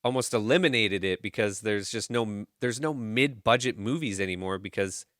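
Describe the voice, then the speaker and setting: A young man co-hosting a podcast in casual chat, animated and profane, jumping up in pitch for emphasis. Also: moderate pace, dry recording, studio quality. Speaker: podcast co-host.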